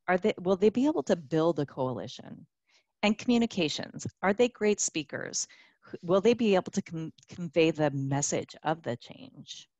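A woman's voice: on the low side, no echo. A woman co-presenting a business webinar over a conference call, upbeat, with frequent fillers and restarts. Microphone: conference call line.

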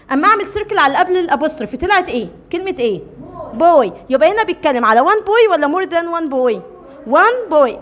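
Woman, Egyptian Arabic accent, English teacher, children's grammar lesson, high voice, asks and answers own questions. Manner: asks questions and answers them herself, repeats key words; calls children by name and coaxes them along.

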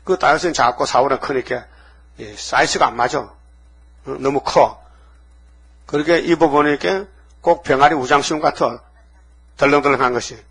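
A man's voice: mid-range voice, fairly quick, fairly bright tone, slightly rough. A middle-aged man, a pastor, preaching a dawn-service sermon and acting out the quoted lines of the Bible stories he tells.

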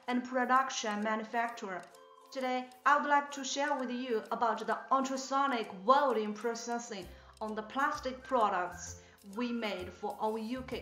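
A Chinese woman in her thirties, host of a mold company's channel, narrates a scripted factory walkthrough in careful, slightly non-native English with a Chinese accent. Her high voice is a bit bright, and she's filmed indoors against a plain bright backdrop on a front-facing camera at medium close framing.

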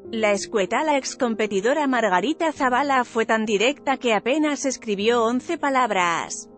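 A woman's voice: on the high side, lively intonation, normal speed. A woman reading a scripted news voice-over with a wry, sardonic delivery. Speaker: news narrator. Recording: faint music bed behind.

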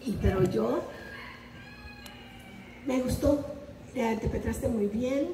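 A woman's voice: on the high side, takes it slowly, music in the background. An older woman with a Salvadoran Spanish accent gives kind, slightly hesitant praise as a contest judge. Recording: distant echoey mic, noisy.

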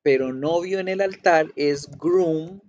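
A male teacher, talking slowly and carefully as he leads an online class. His voice sits a little high for a man. He keeps checking in with his students as he goes. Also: a little mellow, lo-fi sound, slight background noise. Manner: explanatory, addresses students directly with frequent check-ins. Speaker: English teacher. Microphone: computer mic in a video class.

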